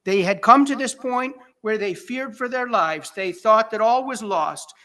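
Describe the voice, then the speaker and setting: Bright-voiced preacher man. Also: high-pitched, unhurried. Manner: conversational preaching with chuckles and self-corrections. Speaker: pastor. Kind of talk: sermon.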